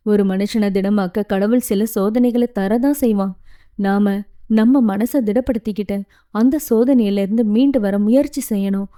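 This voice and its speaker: A woman reading the part of a gentle, tearful mother who soothes her child. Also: mid-range voice, normal speed, lightly acted. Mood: soothing.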